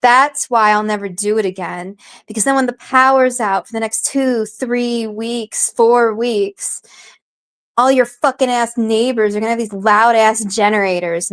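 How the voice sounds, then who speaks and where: A woman's voice: a little high, clean tone. A woman streamer chatting casually with her viewers, rambling and swearing freely, with lots of filler words as she answers comments. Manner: rambling, profane, filler-heavy. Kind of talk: casual live-stream chat.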